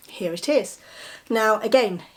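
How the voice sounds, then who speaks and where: A chatty, enthusiastic woman with a cold shows off gifts to the camera in a casual show-and-tell vlog, a little bunged up and letting out soft giggles. Her slightly high voice is slow with a breathy edge, and the recording quality is low.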